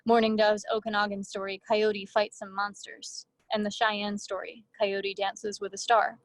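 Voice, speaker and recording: A woman's voice: medium pitch, flat delivery, dry recording. Woman reading her fiction, dry sound. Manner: measured first-person reading with brief casual asides. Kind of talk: literary reading.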